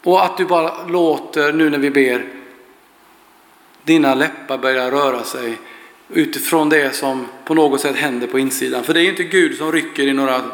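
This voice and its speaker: A man's voice: mid-range voice, fairly bright tone. A man preaching and praying, earnest and fervent, telling a story to his congregation. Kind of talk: sermon with prayer and storytelling. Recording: echoey hall with long reverb.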